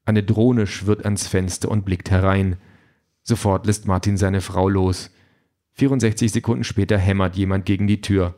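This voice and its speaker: A man narrating an audiobook in a dry, even storytelling manner. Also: sits low, normal speed.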